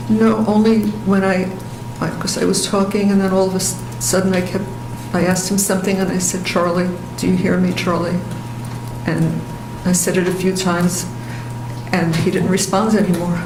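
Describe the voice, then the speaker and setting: An echoey courtroom microphone picks up an older woman with a flat, lowish voice. She answers as a witness, plainly and hesitantly. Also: moderate pace. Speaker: witness testifying. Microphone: witness-stand microphone. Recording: echoey courtroom with clear background noise.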